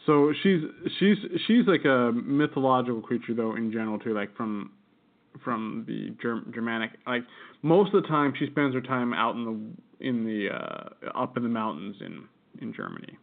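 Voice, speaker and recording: A man's voice: mid-range voice, expressive, moderate pace, vocal fry. Casting: American guy, podcast co-host, rambling laughing storyteller, thin phone-line sound. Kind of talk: casual chat. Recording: tinny phone-like audio.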